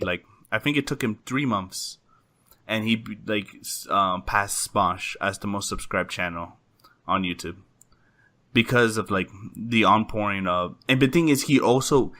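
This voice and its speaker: A man's voice: lowish voice, pushed and bright. Young man rambling on a podcast. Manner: rambling, heavy use of "like" and "um". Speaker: podcast host. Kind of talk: casual podcast chat.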